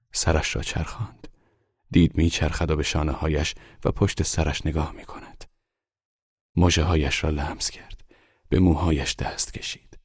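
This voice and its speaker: Very deep, husky male narrator. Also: a little mellow, no room sound, studio quality. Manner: slow, measured storytelling. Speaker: audiobook narrator. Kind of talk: literary audiobook narration.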